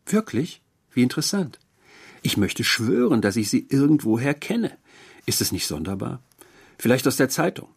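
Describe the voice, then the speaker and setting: Earnest young guy lodger, full of questions, slightly husky, a reader putting him on. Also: medium pitch, sing-song, moderate pace, voice pushed up, exaggerated voice. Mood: curious. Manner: earnest and inquisitive. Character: curious young male lodger, polite and eager.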